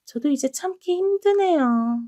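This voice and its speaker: A woman's voice: high-pitched, expressive, unhurried, mellow. A woman voicing a snide, condescending younger sister-in-law in an audio drama, talking down with mocking sarcasm. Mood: exasperated.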